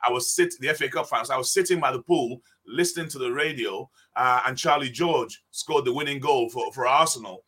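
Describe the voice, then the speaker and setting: Bright-voiced older man telling stories. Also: mid-range voice, fairly quick, hardly any pauses, slightly rough. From England. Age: 60s. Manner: laughs often while telling stories. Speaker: guest. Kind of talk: casual interview.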